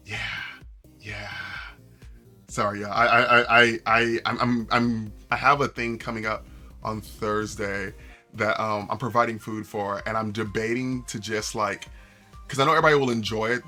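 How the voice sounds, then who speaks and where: A man streaming live, chatting casually to viewers and telling a story with lots of restarts and acted-out quotes. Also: lowish voice. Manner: animated storyteller with many restarts and quoted voices.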